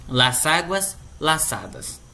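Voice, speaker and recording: A Brazilian Portuguese-accented man teaches a grammar lesson in a patient, explanatory way. His voice sits a little high and sounds bright and forceful. He keeps checking in with short tag questions. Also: very animated, takes it slowly, creaky. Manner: patient, explanatory, tags sentences with "né?". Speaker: Spanish teacher.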